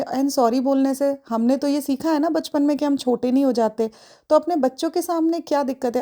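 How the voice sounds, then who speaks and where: A woman's voice: on the high side, warm tone. A middle-aged woman from India hosting a podcast, giving earnest, reflective parenting advice in a monologue and mixing in English phrases. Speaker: podcast host.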